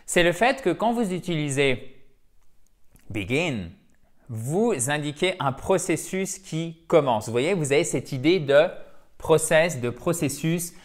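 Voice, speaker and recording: A man's voice: fairly high pitch, animated, a little slow. A man teaching an English grammar point in a video lesson, explaining patiently and checking in often with his viewers.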